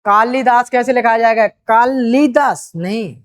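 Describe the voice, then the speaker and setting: A woman's voice: medium pitch, moderate pace. A woman teaching a grammar exam-prep lesson, addressing students fondly and drawing out repeated words as she works through each question.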